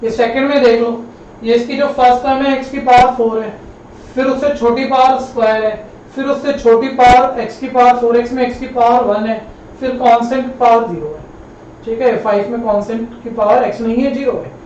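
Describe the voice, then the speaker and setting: A man's voice: very high-pitched, fairly even intonation, fairly quick, a little mellow. A male maths teacher giving a live online lesson in a classroom, patient and repetitive, often calling his students kids and brother. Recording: roomy, distant, dull classroom sound with faint noise.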